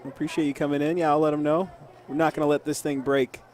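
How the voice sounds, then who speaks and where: Low-key man calling a live poker game. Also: little pitch movement, fast talker. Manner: low-key, hesitant, clipped play-by-play phrases. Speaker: poker stream commentator. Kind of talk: live poker commentary and chat.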